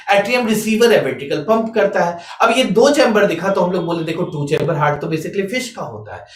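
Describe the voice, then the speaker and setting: A man teaching a science lesson for exams, repeating a check-in phrase and answering his own questions. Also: high voice. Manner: mixes English terms into Hindi, spells words out slowly. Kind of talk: exam-prep science lecture. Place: classroom or small studio, writing on a board. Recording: echoey room, mic some distance off.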